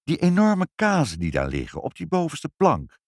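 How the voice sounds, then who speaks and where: Man doing a storybook mother, brisk, matter-of-fact, higher voice, dry close sound. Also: huge pitch swings, no echo. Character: brisk, knowing mother of a family. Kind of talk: children's audiobook reading.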